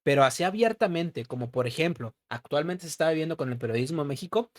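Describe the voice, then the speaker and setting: Young Mexican male co-host, slangy casual political banter, somewhat high pitch, dry close recording. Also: expressive, fast talker, dry recording. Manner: slangy, peppers talk with "güey". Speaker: podcast co-host.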